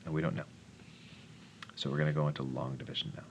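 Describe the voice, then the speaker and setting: Low-voiced man mumbling through math. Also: level tone, quick pace, muffled recording, slight background noise. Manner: mumbles calculations, jokes self-deprecatingly. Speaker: math teacher. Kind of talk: casual worked-solution walkthrough.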